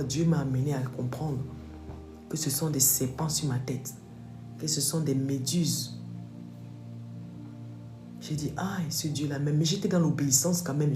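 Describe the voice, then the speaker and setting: A woman's voice: sits low, warm tone. A woman giving a religious testimony, telling her story with animation and acting out the voices she heard. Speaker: testimony speaker. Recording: echoey room with faint music.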